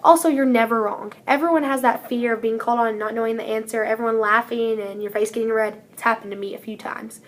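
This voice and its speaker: A woman's voice: fairly high pitch, fairly even intonation, fast, few pauses. A teenage girl gives an earnest, upbeat prepared speech as a student speaker, reading from a script. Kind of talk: prepared speech read aloud.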